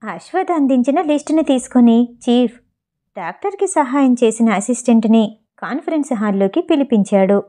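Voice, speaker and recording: A woman narrating an audio novel, reading in a steady storytelling manner. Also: fairly high pitch, moderate pace.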